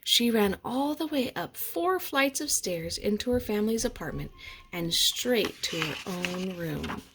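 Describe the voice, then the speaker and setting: A woman narrating a children's picture book aloud in an expressive storytelling manner. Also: medium pitch, measured pace, vocal fry, slightly rough. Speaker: storybook reader.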